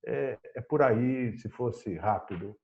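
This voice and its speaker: A man's voice: medium pitch, unhurried. A man speaking as a business founder in a video meeting, explaining a point and then inviting his colleagues to comment. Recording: dull lo-fi call audio.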